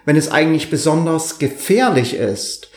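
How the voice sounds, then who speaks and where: A man's voice: on the high side, animated, normal speed. A male podcast co-host with a sonorous, velvety voice, explaining thoughtfully in conversation and repeating phrases for emphasis. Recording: roomy, echoing sound.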